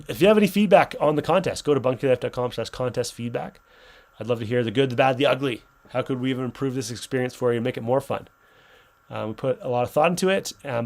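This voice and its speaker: A man with a mid-pitched voice hosts a live giveaway announcement with upbeat sales chat. He talks casually and unscripted, reading out comments from viewers and replying to them as he goes. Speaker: business owner hosting a livestream giveaway.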